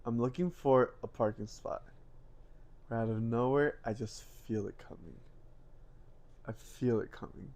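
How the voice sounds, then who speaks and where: A man's voice: medium pitch, measured pace, pauses often, darkish tone. A man co-hosting a podcast, telling a funny story in casual chat and laughing often. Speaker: podcast co-host.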